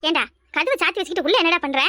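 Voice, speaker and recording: A nagging village mother-in-law, voiced by a woman in a cartoon, speaking with a Kanyakumari Tamil accent. Her voice is squeaky and very high, bright and sharp, and she talks briskly. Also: expressive, heavily acted. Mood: scolding. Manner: nagging, sarcastic. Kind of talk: cartoon comedy acting.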